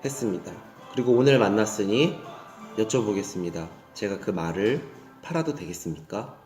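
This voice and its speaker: A man's voice: lowish voice, expressive, normal speed, a little mellow. Deferential father pleading with a king, a male preacher voicing him; room echo, faint music. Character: cautious, pleading father before a king, man.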